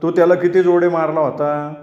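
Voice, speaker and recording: A man's voice: a little high, level tone, brisk, a little mellow, lo-fi sound, pitched above the performer's own voice, lightly acted. A man voicing a shrewd, needling older village man who lectures in rustic dialect and proverbs. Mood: chiding. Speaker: village elder giving advice. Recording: roomy echo.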